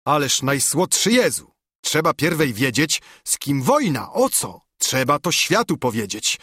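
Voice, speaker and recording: Man acting excitable noble, thin shrill shouting voice, lively pitch. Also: measured pace, husky, no room sound, clean studio sound, full character voice. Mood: pleading urgent.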